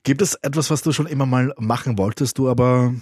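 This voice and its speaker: A man's voice: mid-range voice, fairly quick, darkish tone, breathy edge, no echo. A man hosting a radio podcast interview in a studio, chatty and teasing. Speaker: podcast host.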